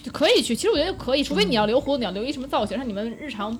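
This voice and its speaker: Fast, lively woman co-host, fairly high voice, music under her. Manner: quick, questioning, playful. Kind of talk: casual chat.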